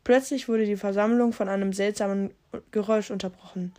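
A woman's voice: medium pitch, fairly even intonation, a little fast, mellow. A woman reading a story aloud in a casual, unpolished way. She trips over words and corrects herself as she goes, and stops now and then to comment. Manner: reads with slips and self-corrections. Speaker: podcast host reading a story.

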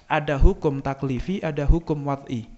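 A man teaching an Islamic lesson to a congregation, lively and conversational, posing questions and answering them himself. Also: a little high, normal speed. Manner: lively, asks and answers his own questions, addresses listeners as "Pak". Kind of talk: religious lecture to a congregation. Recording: dull lo-fi sound.

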